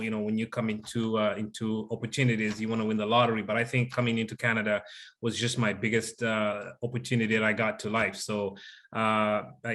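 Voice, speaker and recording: A man's voice: on the low side, a bit bright. A man in his thirties from Uganda, a guest in a casual interview, telling his story with many "uh" fillers.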